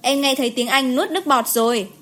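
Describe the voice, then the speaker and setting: A woman voicing a sulky, quick-tempered young mother in an audiobook, with a sharp, irritable way of talking. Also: sits high, natural voice. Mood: irritated.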